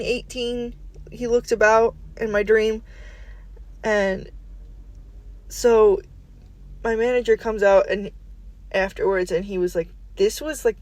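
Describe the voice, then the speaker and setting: A host casually recounting a dream to the listener in a hazy, puzzled way, searching for details with pauses and hedges. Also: medium pitch, no echo. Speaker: host of a dream journal series.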